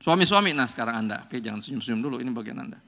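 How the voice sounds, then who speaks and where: A man's voice: mid-range voice, animated, rapid-fire, gravelly, bright, forceful tone. A male pastor preaching a sermon in a joking, slangy style and acting out quotes as he tells stories.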